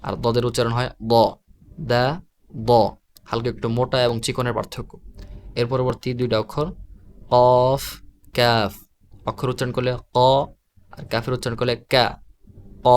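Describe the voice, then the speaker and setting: A man teaching how to pronounce Quran letters in a recorded online lesson, explaining slowly and patiently and repeating each letter sound. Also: mid-range voice.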